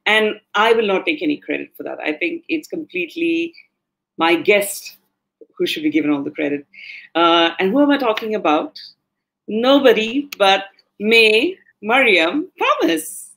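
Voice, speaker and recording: A woman's voice: mid-range voice, sing-song, measured pace, creaky, a bit bright. A woman hosting an online interview forum, gushing and effusive with her guest. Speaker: forum host.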